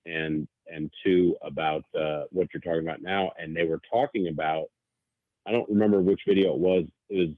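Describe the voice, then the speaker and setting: Low-voiced man on a phone line. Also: dry recording. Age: 40s. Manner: rambling, hesitant with many fillers. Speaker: caller. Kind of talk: casual chat.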